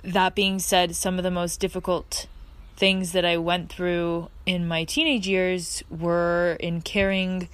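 Lower-pitched woman hosting a podcast outdoors. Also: flat delivery, takes it slowly. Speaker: podcast host. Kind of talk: casual reflective podcast monologue. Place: outdoors in a backyard.

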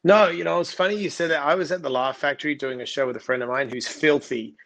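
A man's voice: on the high side, fast, creaky, fairly bright tone. A man from Australia with an Australian accent, a comedian telling an anecdote in casual chat. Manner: laughing, anecdotal storyteller.

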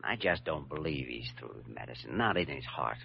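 An earnest young doctor speaks in a low voice with lively rises and falls. He is thoughtful and persuasive, in old radio drama style. The recording is dull and muffled. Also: brisk, vocal fry, slight background noise, heavily acted. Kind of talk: classic radio drama acting.

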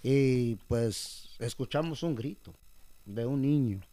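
A man's voice: mid-range voice, slow, dry recording. A young man, telling a story in a casual chat and mixing English words into his slang. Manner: animated, mixes English words into Spanish slang.

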